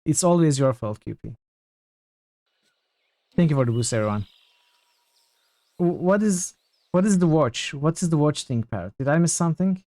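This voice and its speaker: A man's voice: fairly high pitch, lively intonation, moderate pace, pauses often, warm tone, dry recording. A man doing casual live game commentary, thinking aloud and putting questions to his chat. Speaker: game streamer.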